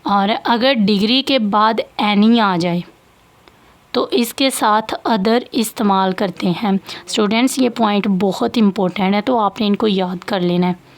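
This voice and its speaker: A woman's voice: medium pitch, measured pace. A woman teaching English grammar to students, explaining patiently and repeating key points. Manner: patient, repeats points, checks in with "theek hai". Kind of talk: slow classroom explanation of grammar.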